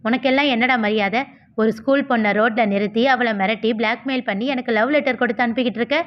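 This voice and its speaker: A woman's voice: fairly high pitch, fairly even intonation, fast talker, lightly acted. A woman voicing a fierce, protective older sister who scolds sharply, in a storybook reading. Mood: scolding. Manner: scolding, sharp, rough-spoken. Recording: slightly dull lo-fi recording.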